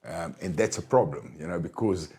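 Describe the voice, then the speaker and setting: A man's voice: deep voice, normal speed, mellow. A man, guest in a casual podcast chat, rambling and repeating himself. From South Africa. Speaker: guest, supplement business owner.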